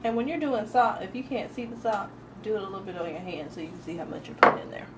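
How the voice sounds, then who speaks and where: A cooking show host in her twenties talks quickly in a mid-range voice with lively intonation. During her live home-kitchen demonstration she chats directly with viewers and laughs easily, against a backdrop of sizzling pans and rattling utensils.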